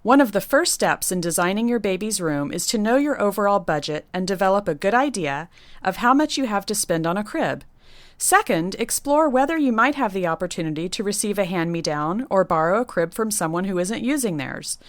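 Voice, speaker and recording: A woman's voice: mid-range voice, animated, fairly quick, dry recording. Woman, guest tips segment, upbeat scripted read, dry recording. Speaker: nursery designer.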